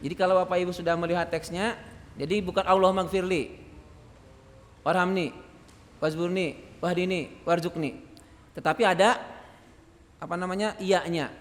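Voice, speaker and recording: A man giving a mosque study lecture, explaining patiently and answering his own rhetorical questions, with an occasional cough. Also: on the high side. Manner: coughs now and then. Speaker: religious teacher. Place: mosque hall. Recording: long hall reverb.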